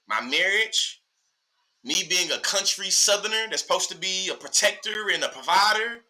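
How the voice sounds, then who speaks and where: A Texan man in his early thirties, guesting on a podcast as a social media educator, talks in a high-pitched voice at a moderate pace with a Southern accent. His casual, opinionated chat comes in animated, slangy, rhetorical bursts, and he often checks that listeners are following. The recording is rough.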